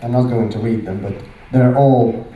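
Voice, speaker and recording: The audio is narrow and tinny as a middle-aged conference speaker from Latvia talks at normal speed with fairly even intonation and a mid-range voice. In a Latvian accent he uses emphatic short phrases and rhetorical questions; he holds a microphone in a large, very echoey indoor hall, so he sounds distant.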